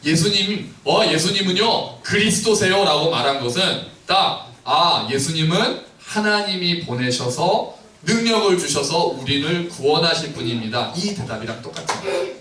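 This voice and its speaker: Brief: bright-voiced male preacher, playful and questioning, heard from a distance in a reverberant sanctuary. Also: a little high, animated, moderate pace. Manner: playful, questioning, acts out the scripture scenes. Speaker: pastor. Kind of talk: lively sermon to a congregation with children. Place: church sanctuary. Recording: roomy church hall, mic at distance, faint noise.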